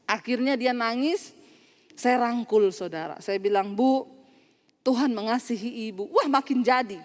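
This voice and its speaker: A woman pastor giving a lively storytelling sermon, often calling out to the congregation. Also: a little high, unhurried, big-room sound. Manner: animated, addresses congregation as "Saudara", laughs at own jokes.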